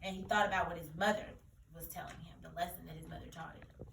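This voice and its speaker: A woman teacher discusses a read-aloud lesson with children, her voice low, steady, fast, gravelly and fairly bright. She explains things and repeats key phrases, captured on a distant mic in a roomy, echoey space with faint noise.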